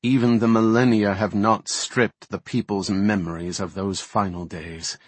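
A man's voice: fairly low pitch, fairly even intonation, no echo. A man reading as Malfurion, stern elf archdruid. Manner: grave, reproachful, measured. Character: stern ancient male elf archdruid, commanding.

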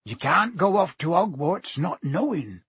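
A man voicing a gruff, warm-hearted giant in an audiobook, rough-voiced, with rustic, blustering and halting speech. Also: fairly high pitch, very animated, pitched above the performer's own voice, heavily acted. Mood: anxious. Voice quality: husky, rough.

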